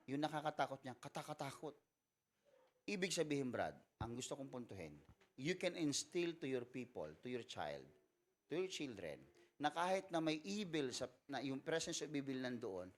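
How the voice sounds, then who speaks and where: A man with a Filipino accent, a pastor answering questions at a Sunday school service, joking often and switching into English. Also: medium pitch. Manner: joking, mixes Tagalog with English. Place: church hall.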